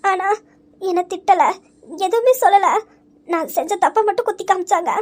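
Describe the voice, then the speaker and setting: A woman's voice: very high-pitched, moderate pace, a little mellow. A woman voicing a remorseful young woman in an audio story, crying and stammering as she blames herself. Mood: tearful. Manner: sobbing, stammering apologies. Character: remorseful young woman, tearful and self-blaming.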